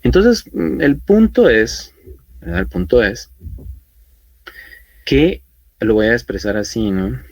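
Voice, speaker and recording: Male teacher, mid-pitched, patient explainer, close dry mic. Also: big pitch swings, slow, pauses often, no room sound. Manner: explains patiently with many tag questions and fillers. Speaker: chemistry teacher. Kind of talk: online class lecture.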